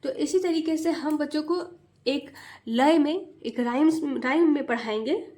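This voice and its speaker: Sing-song teaching woman, slightly high voice. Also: a little mellow. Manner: explains step by step, spells letters out slowly in a sing-song rhythm. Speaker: mother and tutor, channel host. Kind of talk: instructional video for parents.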